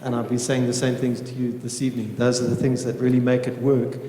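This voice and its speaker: Opening a panel evening as the teacher, a man gives a quick, informal welcome and a spoken prayer to a small audience in an echoey room. His medium-pitched voice is mellow, with a flat delivery.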